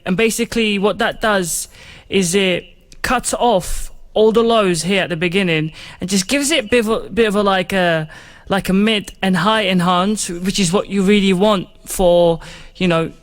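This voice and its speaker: A man with a high, slightly bright voice hosts a casual music production tutorial. He walks through the software step by step in an informal, rambling, chatty manner.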